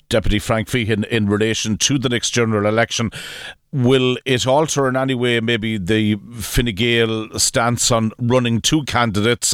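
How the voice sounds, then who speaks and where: An Irish man interviews for radio news in a mid-pitched voice. He phrases questions formally and at a measured pace, in a dry studio-like sound with little room. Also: clear, resonant tone, no echo.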